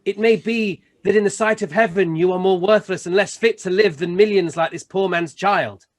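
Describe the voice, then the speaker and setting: A man playing a stern, solemn Christmas spirit in an amateur radio play, speaking in a deliberate, formal way. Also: high voice, close to an everyday voice. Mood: stern rebuke. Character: solemn, rebuking male Spirit of Christmas Present.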